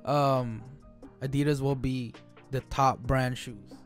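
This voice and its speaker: A man in his late twenties co-hosting a casual Q&A video with his partner, talking in a relaxed, joking way with lots of fillers. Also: mid-range voice, slow, soft background music. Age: 20s. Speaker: co-host of a couple's channel. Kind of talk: casual Q&A chat. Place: small home studio room. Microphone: studio microphone on a stand, close.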